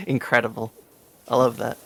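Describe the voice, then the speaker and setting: Talkative dude on a game stream, mid-pitched, kinda gravelly, laughs a lot. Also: male voice, measured pace, a bit bright. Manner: chatty, laughs often, rambling asides. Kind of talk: casual gameplay chat.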